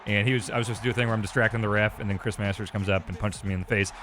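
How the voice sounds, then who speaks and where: A man's voice: lowish voice, steady tone, racing, a crowd in the background. A man chatting casually over a video game, telling anecdotes with hedging asides.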